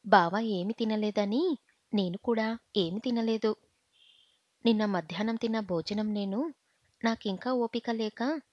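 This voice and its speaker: A woman narrating a first-person story as an audiobook reader, in a steady, earnest way. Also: mid-range voice, dry recording. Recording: slightly muffled home audio.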